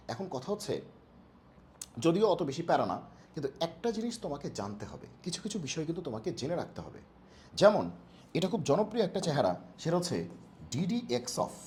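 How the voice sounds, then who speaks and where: A man tutoring math for an exam, fast and playful, using jokey homely analogies. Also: sits high, a little mellow, a little hiss or hum. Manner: talks fast on purpose. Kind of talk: exam-prep math lesson.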